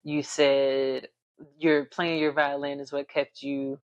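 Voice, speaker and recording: A woman hosting a podcast interview, supportive and quick to affirm her guest. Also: rumbling low, flat delivery, no room sound, highs cut off. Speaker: podcast host. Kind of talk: casual interview.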